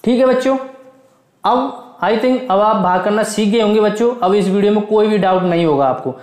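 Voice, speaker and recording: A man teaching division to young children. He keeps calling out to them, asks and answers his own questions, and chants multiplication tables slowly. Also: high voice, darkish tone, echoey room. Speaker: math teacher. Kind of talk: classroom lesson for children.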